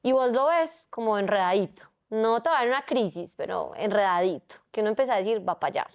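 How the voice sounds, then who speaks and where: A woman's voice: fairly high pitch, expressive, fairly quick. A woman, a psychologist co-hosting a casual interview, who talks animatedly and acts out the people she quotes. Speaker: psychologist, podcast co-host.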